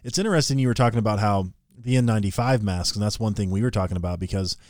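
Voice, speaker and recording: Give me a podcast co-host with a fairly low voice. He talks in a sarcastic, animated way, and the sound is close and dry. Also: very fast, no room sound. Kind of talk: casual conversational discussion.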